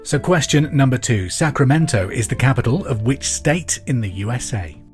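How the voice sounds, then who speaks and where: An English pub quiz podcast host talks in a mid-range voice with lively intonation at normal speed. He's conversational and chatty, repeating questions clearly while music plays behind him.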